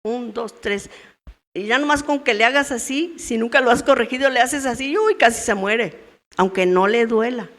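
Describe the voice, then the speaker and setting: Woman, middle-aged, church teaching, conversational, asks questions, somewhat high voice, long hall reverb. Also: normal speed, fairly bright tone. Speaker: women's ministry teacher. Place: church meeting room.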